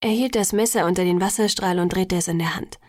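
A woman reading a first-person story aloud as an audiobook narrator, in a measured storytelling manner. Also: lowish voice, darkish tone, no echo, studio quality. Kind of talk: scripted narration.

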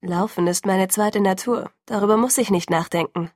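Audiobook: gentle, amused young male vampire, read by a woman; soft, low, husky edge. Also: moderate pace, no room sound, studio quality, natural voice. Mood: soft teasing.

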